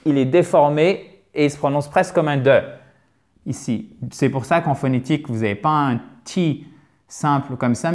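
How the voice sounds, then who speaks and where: A man teaching English pronunciation in a video lesson, lively and repeating words to drill them. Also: medium pitch.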